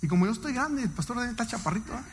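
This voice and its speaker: A man giving an emotional, emphatic sermon testimony to a congregation, his pitch swinging widely. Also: animated, rapid-fire, slight background noise. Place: church hall. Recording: long church hall reverb.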